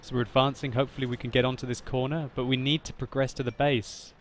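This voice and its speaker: Here a medium-pitched man rattles through commentary over his own tank battle footage, laughing often and turning loud and excited at key moments. There's a little hiss or hum in the recording.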